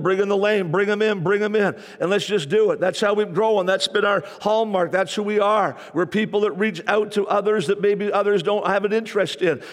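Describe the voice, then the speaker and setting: A man preaching a sermon as pastor, repeating his phrases with emphasis. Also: high-pitched. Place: church sanctuary. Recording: reverberant church hall.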